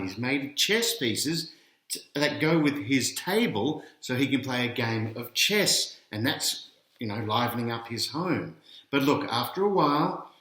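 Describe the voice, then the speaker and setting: This storytelling session features a man with a mid-range, fairly bright voice reading his picture book to kids, quizzing them and stretching out every reveal. The sound is spacious and echoey.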